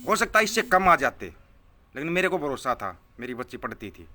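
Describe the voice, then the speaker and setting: A man delivers an angry political rant straight to his audience. His voice is forceful and tense, heated and scornful. He hammers each point by saying it twice, at a middling pitch. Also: very animated, brisk. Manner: scornful, heated, repeats phrases for emphasis. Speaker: political vlogger answering viewer comments.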